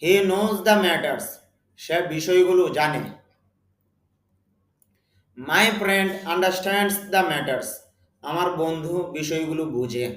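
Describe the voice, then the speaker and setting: A man with a Bengali accent teaching a spoken English lesson, speaking slowly and deliberately and repeating words for his students. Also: fairly high pitch, lively intonation, fairly bright tone, reverberant.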